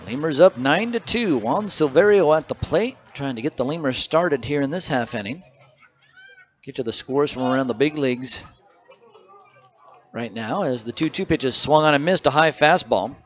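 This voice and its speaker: A man announcing a baseball game play-by-play, reading stats and scores between pitches in a conversational way. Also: expressive, normal speed, lo-fi sound. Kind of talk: radio baseball commentary.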